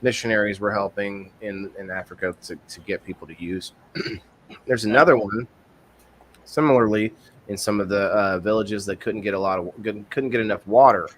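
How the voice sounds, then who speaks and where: A man with a low voice hosts a relaxed livestream podcast. He explains things in a loose, rambling way and keeps correcting himself as he goes. A faint noise sits under his voice. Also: moderate pace. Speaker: podcast host. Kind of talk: casual livestream chat.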